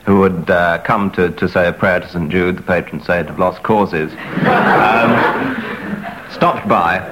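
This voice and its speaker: A man's voice: deep voice, a little slow, very noisy. A man improvising a comic story on a radio panel game, playful and rambling with many fillers. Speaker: comedy panelist.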